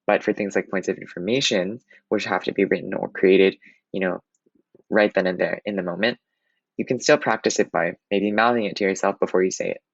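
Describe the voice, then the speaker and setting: A young man with a low, gravelly voice gives earnest advice on public speaking. The recording sounds dull and lo-fi, dry with no room echo. He teaches in a steady, instructional way. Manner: earnest, advice-giving, with occasional restarts and fillers. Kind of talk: instructional talk.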